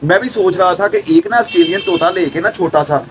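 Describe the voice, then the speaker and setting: A young man hosting a casual pet vlog at home, chatting excitedly and coaxing his animals. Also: high voice, quick pace, lo-fi sound, heavy background noise. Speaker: pet vlogger.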